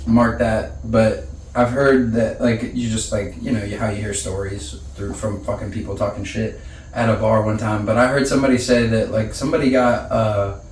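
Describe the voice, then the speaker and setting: A man's voice: on the low side, steady tone, moderate pace, slight background noise. Joking, profane young man in a roomy space. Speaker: podcast co-host. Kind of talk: casual chat. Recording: echoey room, distant mic, faint ambience.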